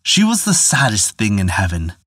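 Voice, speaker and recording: Expressive male folktale storyteller. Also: on the low side, normal speed, no echo, clean studio sound.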